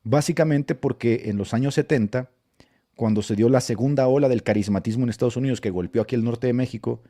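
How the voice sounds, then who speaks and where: A man's voice: medium pitch, fast talker, mellow. A man with a northern Mexican accent, a preacher telling church anecdotes in casual storytelling talk, laughing often as he goes.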